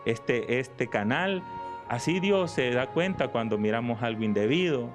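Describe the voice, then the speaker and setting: A man with a Honduran Spanish accent preaching a livestreamed sermon, repeating key phrases slowly and with emphasis as he appeals to viewers. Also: medium pitch. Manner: slow, emphatic spelling-out and repetition, appealing to viewers.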